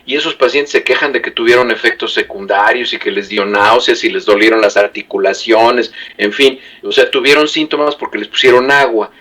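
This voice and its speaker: A man, a guest commentator on a talk show, explaining in a measured way with frequent fillers. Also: medium pitch, steady tone, sharp tone.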